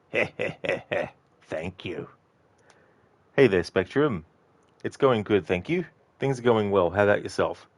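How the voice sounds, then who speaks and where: A man's voice: lowish voice, expressive, normal speed, no echo. A man livestreaming a game, chatting casually with his viewers.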